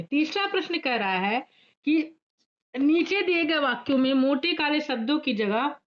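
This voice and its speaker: A woman teacher giving a grammar lesson to pupils, repeating key points slowly and addressing the class directly. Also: sits high, muffled recording. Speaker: school teacher.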